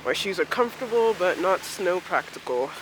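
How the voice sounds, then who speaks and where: A woman's voice: lowish voice, lively intonation, moderate pace. Woman, from Maryland, casual walking vlog, chatty and rambling, slightly out of breath, outdoors, handheld camera, faint traffic behind. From Maryland, USA. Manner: chatty, rambling, self-mocking. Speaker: vlogger. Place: outdoors on a snowy street. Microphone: handheld camera while walking.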